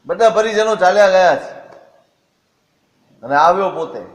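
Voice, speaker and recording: A man's voice: sits high, normal speed. A man telling a religious story as a sermon, asking questions and answering them himself. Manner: expressive, asks and answers his own questions. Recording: echoey hall.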